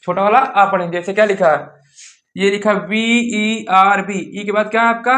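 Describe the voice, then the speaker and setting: A man with a fairly high voice teaches a lesson on pronunciation rules. He keeps asking a question and answering it himself, repeating each word several times in a patient drilling rhythm. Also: steady tone, normal speed, fairly bright tone. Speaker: English teacher. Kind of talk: classroom-style lesson.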